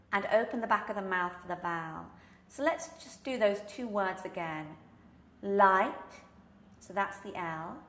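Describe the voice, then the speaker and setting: A woman's voice: mid-range voice, a bit bright. British woman coaching pronunciation, echoey room. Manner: carefully enunciated, demonstrating example words with emphasis. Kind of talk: instructional accent lesson.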